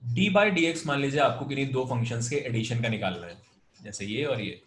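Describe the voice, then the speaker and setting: A man's voice: mid-range voice, lively intonation, normal speed, fairly bright tone, echoey room, slight background noise. A man with an Indian accent teaching a math class over a video call, explaining patiently and switching between Hindi and English. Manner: patient, explanatory, mixes Hindi and English, calls students "beta". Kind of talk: online class lecture.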